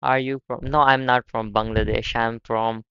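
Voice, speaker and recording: A young man from Pakistan chats casually on a live stream, stumbling and repeating words as he goes. His voice is smooth and close, with no room sound, though the audio is a little dull. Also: mid-range voice, flat delivery, no echo. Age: young adult. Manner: halting, repeats words often. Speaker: livestream host.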